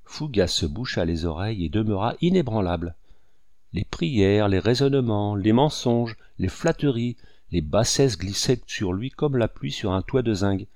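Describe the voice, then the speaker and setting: A man narrates a classic novel with steady, expressive storytelling. His voice is on the low side. The sound is close and dry, with no room echo. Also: normal speed. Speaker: audiobook narrator. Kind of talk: literary audiobook narration.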